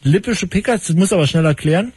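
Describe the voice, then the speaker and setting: Male call-in host, quick and wry, husky dry studio voice. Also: high voice, lively intonation, a little mellow, no echo. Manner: brisk, wry, cutting callers short. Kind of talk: fast call-in radio show.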